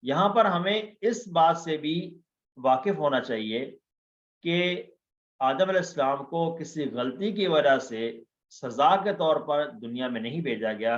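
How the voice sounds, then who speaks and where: Slow-speaking man teaching a lesson. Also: mid-range voice. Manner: repeats and drills word forms slowly, with many hesitation sounds. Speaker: Quranic Arabic teacher. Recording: dull lo-fi recording.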